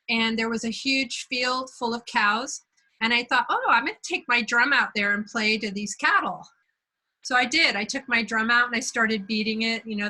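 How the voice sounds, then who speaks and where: A woman from Belgium hosting a conversation, telling a personal story in a reflective, unhurried way. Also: fairly high pitch, pushed and bright, low-quality recording. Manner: reflective, unhurried, searching for words. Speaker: host.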